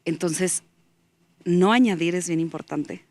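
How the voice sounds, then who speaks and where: Earnest low-voiced woman. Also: a little slow, darkish tone. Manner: earnest storyteller, acting out quoted dialogue. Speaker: guest. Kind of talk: personal faith testimony.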